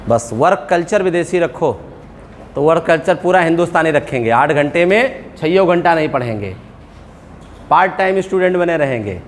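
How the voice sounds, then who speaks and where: A man with a high-pitched voice is teaching accounting to a class. He is middle-aged, mixes English terms into his explanations and keeps checking whether his students have followed. A faint noise runs under the recording. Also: animated, normal speed. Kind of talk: classroom lecture.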